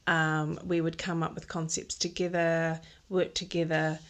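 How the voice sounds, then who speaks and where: A textile designer appears as a podcast guest in a casual interview, thoughtfully walking through her career with many ums and restarts. Her voice is low-pitched and fairly flat, moving at a measured pace.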